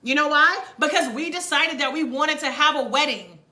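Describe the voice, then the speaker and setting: An American woman giving a motivational livestream talk, loud and sharp, blunt and emphatic, stretching key words for effect. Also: high-pitched, moderate pace. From United States. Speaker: livestream host coaching on moving abroad.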